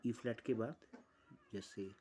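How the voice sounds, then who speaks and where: A man teaching an online music lesson, explaining step by step with pauses. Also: mid-range voice, warm tone, slight background noise.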